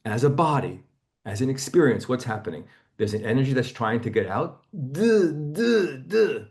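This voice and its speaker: A man's voice: mid-range voice, lively intonation, fairly quick, a little mellow. A man, a therapist, teaching a seminar in an earnest way and telling stories about clients, often repeating and restarting his phrases.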